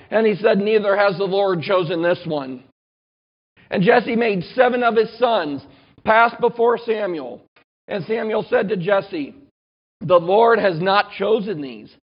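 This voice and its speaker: A male pastor giving a sermon and reading scripture aloud, earnest and measured, slowing down to stress key points. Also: high voice, muffled recording.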